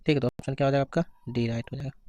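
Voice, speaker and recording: A man giving an exam-prep grammar lesson, asking questions and answering them himself, reading out the answer options slowly. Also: mid-range voice, steady tone, mellow, no echo. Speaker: teacher.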